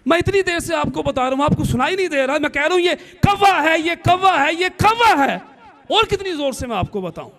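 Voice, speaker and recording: A man voicing an exasperated grown son who shouts and repeats himself impatiently at his mother. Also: very high-pitched, very animated, voice pushed up, full character voice.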